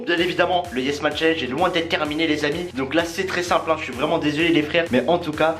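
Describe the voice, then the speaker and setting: A man's voice: fairly high pitch, fairly bright tone. A man presenting challenges in a chatty video message, leaning on repeated filler phrases. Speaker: guest YouTuber setting challenges. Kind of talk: upbeat video message to viewers.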